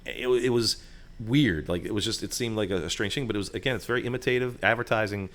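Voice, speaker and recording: A voiceover artist and sound designer, a man with a lowish, slightly bright voice who talks fast, chats as a guest over a restaurant table. He explains things conversationally, loose and chatty, with lots of fillers and asides.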